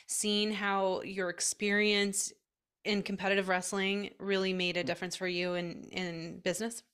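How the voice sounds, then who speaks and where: A woman hosting a casual interview, asking slow, encouraging questions. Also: mid-range voice, level tone, fairly bright tone, clear, resonant tone. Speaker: interview host.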